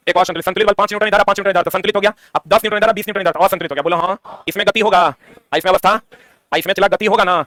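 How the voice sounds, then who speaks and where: A man teaches an exam-prep science lesson in a quizzing style, asking questions and then answering them himself. His voice sits high and is a bit bright, with no echo.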